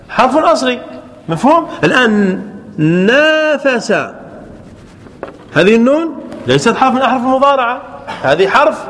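A man's voice: extremely high pitch, a bit bright, long reverb tail, a little hiss or hum. A man teaching a grammar lesson, repeating words, correcting himself and checking often that his listeners understand.

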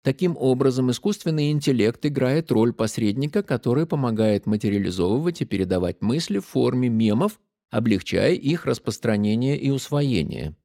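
A man narrating a nonfiction audiobook who reads a passage aloud in a deliberately mechanical, robot-like voice. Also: mid-range voice, gravelly. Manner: reads the AI's text aloud in a flat machine-like way. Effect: mechanical robot-like reading voice.

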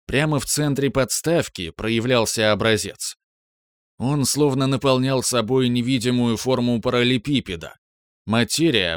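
A man narrating a first-person novel in a measured, expressive way. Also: medium pitch, clean tone, no echo, studio quality. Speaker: audiobook narrator.

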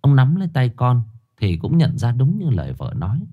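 A man narrating a ghost story in a low, hushed, expressive storytelling voice. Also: normal speed, narrow, tinny audio.

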